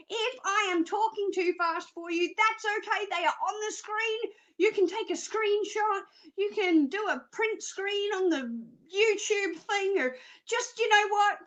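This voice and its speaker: A woman gives psychic readings on a live show in a high, bright, forceful voice. She rambles chattily, drifts into jokey asides and keeps checking in with her listeners.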